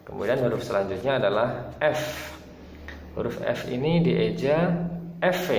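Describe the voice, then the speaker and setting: A man gives a patient language lesson, spelling each letter and word out slowly and deliberately. His mid-pitched voice rings through a room with a long, echoing reverb. A faint ambient hiss sits underneath. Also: a little mellow. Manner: slow, deliberate spelling-out of letters and example words. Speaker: Italian language teacher.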